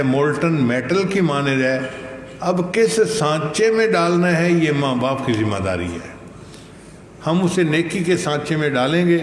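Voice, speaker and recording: An older man giving a slow, measured sermon, telling stories and reciting Arabic verses. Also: on the high side. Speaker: religious scholar. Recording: echoey hall with faint noise.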